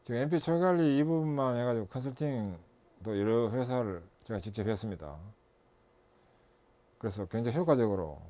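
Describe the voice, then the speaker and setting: A man's voice: mid-range voice, darkish tone. Methodical middle-aged man lecturing. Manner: methodical, lists steps with self-corrections. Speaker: instructor and consultant.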